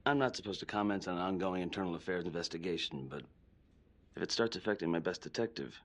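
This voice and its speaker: A steady male police chief, with a very low voice. He talks in a measured, reassuring manner to his detective in the game scene. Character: stern but supportive male police chief. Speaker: police superior. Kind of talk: video game cutscene acting.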